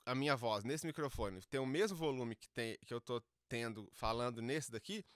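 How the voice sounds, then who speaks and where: A man's voice: medium pitch, darkish tone, dry recording. A man teaching microphone technique and moving around the mics as he explains, so his level and closeness keep changing. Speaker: audio tutorial host. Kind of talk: hands-on demonstration. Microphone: studio microphones at shifting distances.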